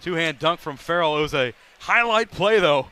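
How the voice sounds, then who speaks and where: A man doing live play-by-play for a college basketball game, brisk and rising sharply on big plays. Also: a little high, lively intonation, pushed and bright. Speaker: play-by-play announcer. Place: arena broadcast booth.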